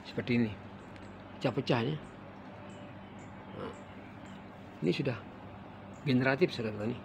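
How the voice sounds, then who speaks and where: Gravelly man explaining durian farming. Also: medium pitch, noisy background. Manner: addresses viewers as fellow farmers, explains while pointing. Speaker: durian farmer. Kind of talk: farming tutorial. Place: outdoors at a durian orchard.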